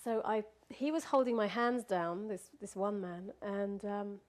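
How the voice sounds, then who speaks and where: A woman's voice: medium pitch, measured pace, darkish tone. A woman recounting a personal experience in casual spoken storytelling, laughing often and restarting her sentences.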